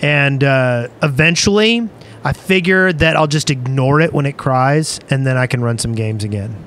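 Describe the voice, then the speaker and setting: A man's voice: medium pitch, moderate pace, fairly bright tone, slight background noise. A young man co-hosting a live-streamed podcast, joking and laughing often in loose casual talk. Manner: giggly and joking, loose filler-laden talk. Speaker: podcast co-host.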